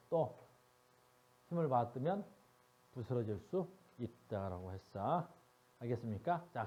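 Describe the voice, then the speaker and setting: A man's voice: medium pitch, highs cut off. A male science teacher giving a classroom lecture, teasing and constantly asking his students questions.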